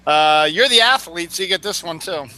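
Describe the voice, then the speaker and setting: Bright-voiced joking man. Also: sits high, lively intonation, moderate pace, poor audio. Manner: joking, repeats words over and over. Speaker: co-host. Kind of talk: casual chat.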